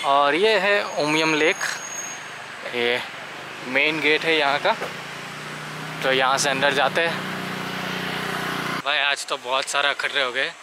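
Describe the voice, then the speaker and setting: Young male vlogger, chatty, on a handheld camera outdoors with clear street noise. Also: mid-range voice. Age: young adult. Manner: chatty, addresses viewers as bhai, mixes English phrases. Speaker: travel vlogger. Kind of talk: casual travel vlog to camera. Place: outdoors on rainy streets and forest paths. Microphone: handheld camera at arm's length.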